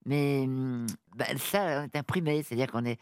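A woman in her sixties from northern France, a radio interview guest talking in a lively, halting way with many restarts. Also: very deep voice, clear, resonant tone, dry recording, clean studio sound. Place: radio studio.

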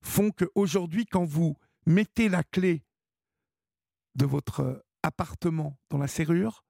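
A man's voice: a little high, slow pace, creaky, darkish tone, no room sound, clean studio sound. A man hosting a late-night radio call-in show, giving advice with many hesitations and restarts. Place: radio studio.

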